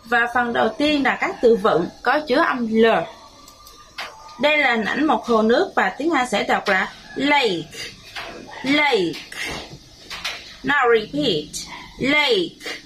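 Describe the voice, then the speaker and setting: With background noise behind her, a Vietnamese-accented woman whose voice is a little high teaches primary schoolers English. The bilingual lesson moves slowly through clear drills where the children repeat after her.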